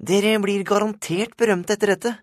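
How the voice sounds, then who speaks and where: A pushy young boy reporter, high and bright, firing off eager questions one after another, as a man puts him on. The reading is close and dry. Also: fairly even intonation, no echo. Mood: pleased. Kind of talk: audiobook character voice.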